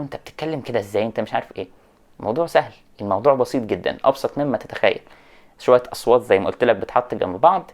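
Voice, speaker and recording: A man with an Egyptian Arabic accent talking straight to students, lecturing with animated mock examples of English phrases. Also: medium pitch. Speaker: education vlogger. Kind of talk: direct-address rant to students.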